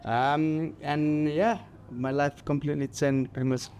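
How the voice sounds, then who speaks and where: A man in his forties from Nepal, speaking with a Nepali accent, talking haltingly with many fillers as a guest on a festival stage interview. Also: fairly high pitch, fairly even intonation, darkish tone, a little hiss or hum. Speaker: guest mountaineer.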